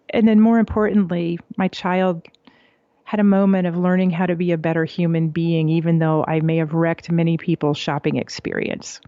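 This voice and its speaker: A woman's voice: on the low side, creaky, no echo, muffled recording. A middle-aged woman, a psychologist who is a guest on a podcast, telling a parenting story and acting out the quotes. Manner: animated storyteller, acts out quotes. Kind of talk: conversational interview storytelling.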